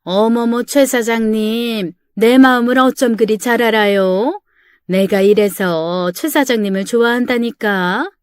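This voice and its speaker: A woman's voice: a little high, a little slow, smooth, no echo, studio quality, lightly acted. A woman voicing a selfish, scolding middle-aged mother-in-law in a dramatized story reading. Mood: coy. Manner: sharp, scolding, self-pitying.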